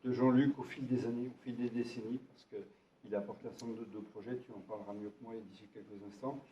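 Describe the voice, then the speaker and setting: A man playing a mayor hosts a town meeting, introducing local volunteers with frequent hesitations, repeated words and friendly jokes. He talks fast in a mid-range, fairly even voice. The room is echoey, he's far from the mic, and the sound is dull with background noise.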